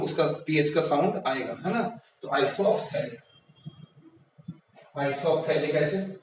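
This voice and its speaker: A man teaching a chemistry lesson, repeating key terms and asking himself rhetorical questions, recorded in a room from a distance. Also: a little high. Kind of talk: classroom lecture. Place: classroom or coaching room. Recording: very echoey room, mic at a distance, faint noise.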